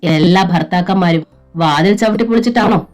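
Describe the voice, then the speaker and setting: A wronged young mother in a storybook family drama, speaking low and firm, holding her ground, as a woman reader gives her voice. the voice is on the low side, with soft music faintly in the background. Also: brisk, lightly acted. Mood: defiant. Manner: quiet, firm.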